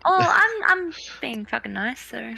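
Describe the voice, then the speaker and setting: A woman at a tabletop game with a very bright, lively voice that swings up and down, edged with some vocal fry. She is playful and swears casually, on a dry recording. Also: high-pitched, a little slow, dry recording, soft background music. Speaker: player.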